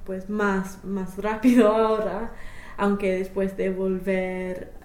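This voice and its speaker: Hesitating, restarting and using plenty of fillers, a young native English-speaking woman responds to interview questions in the role of a language learner. She speaks slowly in a medium-pitched, level, slightly mellow voice, and the recording is reverberant.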